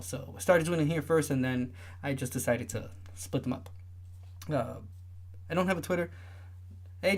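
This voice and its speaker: A young male livestream host whose light, high voice is often mistaken for a woman's chats loosely in a relaxed, rambling stream, filling gaps with plenty of "uh"s and restarts.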